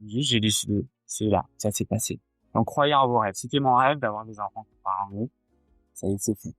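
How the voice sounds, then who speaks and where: A man's voice: fairly low pitch, a little fast, no echo, faint music behind. A man in his forties, a cardiologist guest chatting casually in an interview, hesitant with many fillers and restarts.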